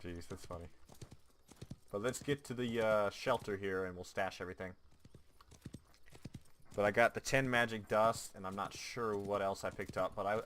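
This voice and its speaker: A low-pitched man with a bright, forceful tone, talking casually through a game stream. He jokes and laughs as he plays, with a faint hiss of noise behind him. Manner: chatty, jokey, laughs often. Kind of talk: casual gameplay commentary.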